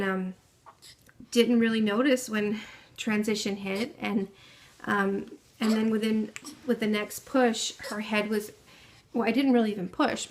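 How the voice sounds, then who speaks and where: Soft-spoken young mother telling a story. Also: medium pitch. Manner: soft-spoken, many fillers and restarts. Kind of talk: casual spoken story to camera.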